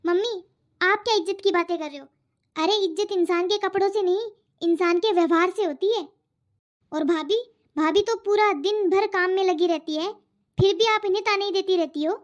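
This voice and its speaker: The dull lo-fi clip features a woman with a very high voice speaking at a moderate pace. She's voicing a cartoon character, a feisty, outspoken young unmarried daughter, in an argumentative, protesting way.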